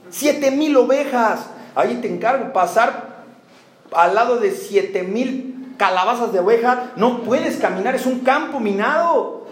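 Mexican male preacher, high voice, quizzing and joking with his flock; echoey church hall, faint noise behind. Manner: peppers the congregation with rhetorical questions and jokes. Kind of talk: sermon.

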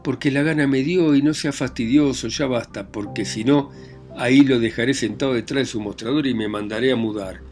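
A man's voice: lowish voice, normal speed, faint music behind, close to an everyday voice. A man voicing a defiant country widow. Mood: indignant. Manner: indignant, pleading, sharp retorts.

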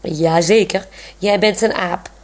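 A woman's voice: fairly low pitch, fairly even intonation, takes it slowly. A woman reading aloud voices a bubbly, affectionate young woman who teases playfully. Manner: giggly, teasing.

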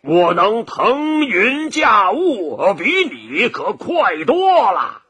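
A haughty male dragon from a storybook, booming and unhurried, played by a man. He talks big with a bright, husky edge. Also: wildly swooping pitch, full character voice. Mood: boastful. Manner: blustering, lower and slower. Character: boastful proud male dragon.

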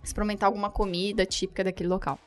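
Telling a travel story in casual conversation, a Brazilian guest races along in a flat, mid-range voice over soft background music. She laughs often, acts out dialogue and keeps checking in with tag questions, her accent Brazilian Portuguese.

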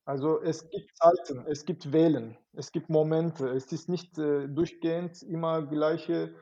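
Gravelly man. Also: a little high, fairly even intonation, dark tone. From Turkey. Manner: halting, searching for words, frequent restarts. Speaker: interview guest. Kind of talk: conversational interview. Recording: dull lo-fi sound.

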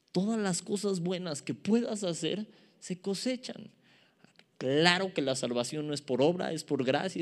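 A Mexican man delivers a sermon in a notably high-pitched voice. He speaks informally, teases himself, and keeps turning to the congregation with rhetorical questions. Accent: Mexican Spanish. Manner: informal and self-deprecating. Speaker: preacher.

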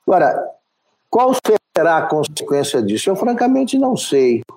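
Lively questioning male moderator. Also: fairly high pitch, normal speed, creaky. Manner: questioning, frank. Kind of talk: panel discussion.

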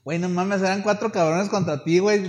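Fast-joking high-voiced Mexican man. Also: steady tone. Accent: Mexican Spanish. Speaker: podcast co-host. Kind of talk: casual banter.

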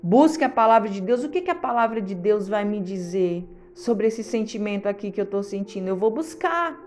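Uma pastora brasileira pregando um sermão com sotaque brasileiro, em tom sério e exortativo, encenando orações a Deus. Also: female voice, medium pitch, expressive, normal speed, darkish tone, soft background music. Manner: earnest, exhorting, acts out prayers to God. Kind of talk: sermon.

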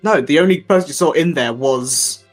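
A man's voice: fairly high pitch, normal speed, soft background music. A man narrating as game master in a tabletop game, talking hesitantly with lots of fillers and laughs.

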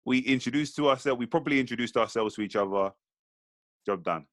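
A man co-hosting a podcast, telling stories in a lively, slangy way. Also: medium pitch, quick pace, no room sound. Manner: animated storytelling, slangy. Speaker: podcast co-host. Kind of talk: casual podcast chat.

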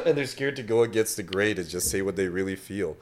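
A man in his early thirties talking in a brash, profane, animated way in a casual podcast chat. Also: on the low side, brisk. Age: 30s. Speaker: podcast guest.

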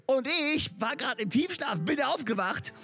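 A man preaching a sermon as a pastor, lively and emphatic, talking straight to his listeners in a conversational way with English words mixed in. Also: very high-pitched, normal speed, gravelly, music in the background. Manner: conversational, speaks directly to listeners.

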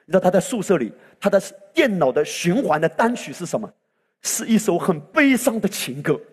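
Husky-voiced preacher in a reverberant hall. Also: male voice, sits high, big pitch swings, brisk. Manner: impassioned preaching that swells to exclamations. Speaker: pastor. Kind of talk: sermon.

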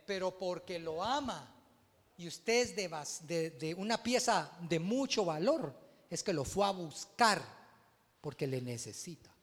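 Guatemalan pastor preaching in a reverberant church. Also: male voice, high voice, animated, measured pace. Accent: Guatemalan Spanish. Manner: preaching with swings from loud exclamations to hushed asides. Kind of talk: sermon.

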